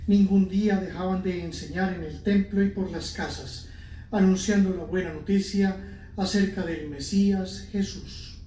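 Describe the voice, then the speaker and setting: A male lector's high, warm voice carries through an echoing church as he formally and solemnly reads psalms and scripture at Mass. It's captured from a distant mic with faint noise.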